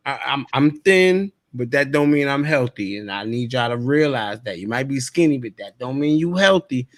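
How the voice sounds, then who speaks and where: A man's voice: medium pitch, expressive, normal speed, no room sound. A man calling into a casual live audio chat, talking in a friendly, joking, talkative way. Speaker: caller.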